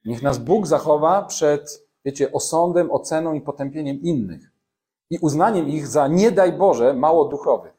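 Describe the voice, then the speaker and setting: A man's voice: on the high side, lively intonation, moderate pace, mellow. A man preaching a sermon in a conversational way, talking directly to his congregation and reading scripture aloud. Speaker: pastor.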